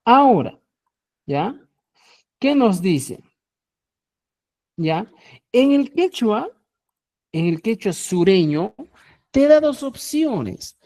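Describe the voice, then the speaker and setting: Woman teacher, patient and slow, low mellow voice with lively pitch. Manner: slow, explanatory, repeats phrases and asks "¿ya?". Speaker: language teacher. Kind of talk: online grammar lesson.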